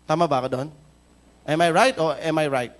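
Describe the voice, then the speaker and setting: A man's voice: on the high side, a little fast. A Filipino man preaching a sermon in church, telling a story and asking the congregation questions. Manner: mixes Tagalog and English, storytelling, asks the crowd questions. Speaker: pastor.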